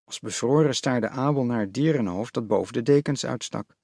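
A man narrating an audiobook in a measured storytelling manner. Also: mid-range voice, creaky, darkish tone, no room sound, studio quality.

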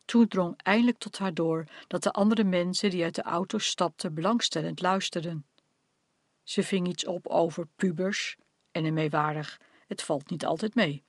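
An audiobook narrator reading a novel in a measured storytelling manner. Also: mid-range voice, fairly even intonation, no room sound. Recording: dry close studio sound.

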